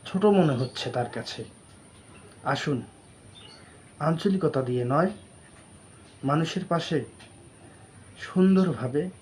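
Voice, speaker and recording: A man delivering a reflective spoken monologue in an earnest, deliberate way, pausing between phrases. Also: on the high side, darkish tone, a little hiss or hum. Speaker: social media creator.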